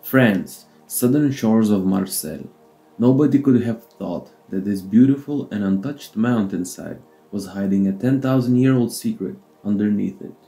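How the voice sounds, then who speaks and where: Low dark-voiced male documentary narrator. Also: moderate pace, low-quality recording.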